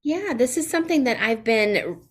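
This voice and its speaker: A woman's voice: a little high, animated, normal speed, husky. A middle-aged woman with a Southern US accent, speaking as a guest in a podcast interview, with many fillers and restarts. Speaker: guest, CPA.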